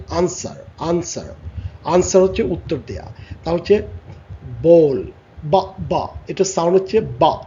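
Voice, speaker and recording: A man with a Bangladeshi accent teaching English vocabulary to young children, repeating each word and its sounds slowly. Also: sits high, mellow. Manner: slow drilled pronunciation, repeating words and sounds. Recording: slightly dull lo-fi audio with faint noise.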